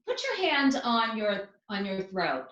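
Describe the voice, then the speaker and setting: Bright energetic woman in an echoey room. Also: medium pitch, slow pace, muffled recording. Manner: energetic, instructive, with bursts of laughter. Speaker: laughter yoga instructor. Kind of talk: guest explaining and demonstrating.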